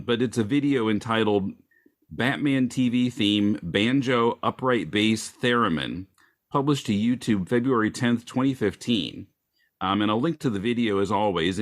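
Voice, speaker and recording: Chatty low-voiced male podcast host. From Iowa. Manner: chatty, quick, laughing often. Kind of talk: casual chat.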